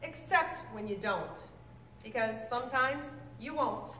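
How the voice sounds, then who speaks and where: A woman with a high-pitched voice reads aloud to schoolchildren in an expressive storybook style. The sound is distant and reverberant, as in a big echoing room, with faint noise underneath. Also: a little slow. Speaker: teacher reading aloud to sixth grade students. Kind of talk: children's picture book read-aloud to a class. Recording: echoey hall, distant mic, faint noise.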